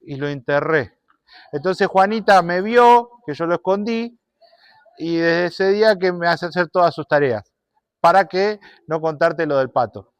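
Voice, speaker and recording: A man's voice: on the high side, measured pace, smooth, no echo, natural voice. A man voicing a mischievous young boy who turns guilty, speaking in a pleading, flustered way. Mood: confessing.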